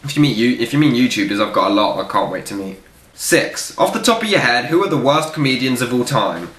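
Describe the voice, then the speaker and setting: A young man, a film reviewer, answering viewer questions in a casual vlog, blunt, joking and quick to swear. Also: medium pitch, sing-song, a bit bright. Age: young adult. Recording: echoey room.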